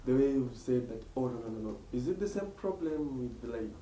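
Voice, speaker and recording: A man's voice: mid-range voice, lively intonation, a little fast, warm tone, reverberant, far from the mic, a little hiss or hum, rough recording. A Kenyan man with a Kenyan accent hosting a casual podcast interview, often laughing and repeating words as he starts. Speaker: podcast host.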